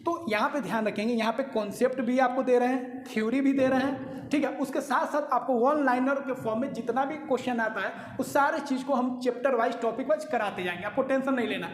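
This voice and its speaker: A man teaching a recorded lecture, explaining patiently and often pausing to check that listeners follow. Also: very high-pitched. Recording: echoey hall with long reverb.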